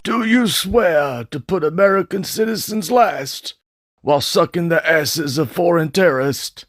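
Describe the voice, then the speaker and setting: Man putting on a high-voiced pompous old politician. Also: a little slow. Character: pompous old male politician swearing someone in. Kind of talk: political parody sketch.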